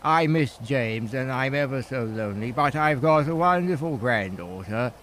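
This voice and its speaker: A man's voice: mid-range voice, animated, normal speed, fairly bright tone, a little hiss or hum, lightly acted. A man with a younger voice faking an old British grandfather, rambling and stammering through tall tales in improvised role-play. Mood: fond, wistful.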